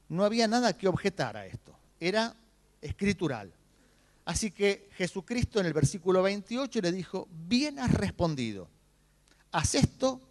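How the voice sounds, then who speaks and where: Male pastor, Rioplatense accent, high lively voice, sermon delivery. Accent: Rioplatense Spanish. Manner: animated, acts out quoted lines.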